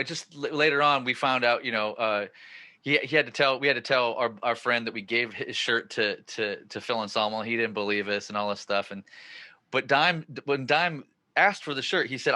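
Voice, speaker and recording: Male podcast host, 40s, bright, energetic, rambling storyteller. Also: mid-range voice. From northern California. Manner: excited, rambling storyteller who gets louder at the punchlines. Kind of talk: casual storytelling chat.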